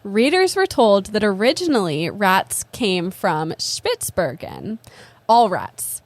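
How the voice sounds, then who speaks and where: Young female podcast co-host, middle pitch, dry close sound, chatty and self-deprecating. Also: sing-song, takes it slowly, dry recording. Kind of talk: casual comedic history chat.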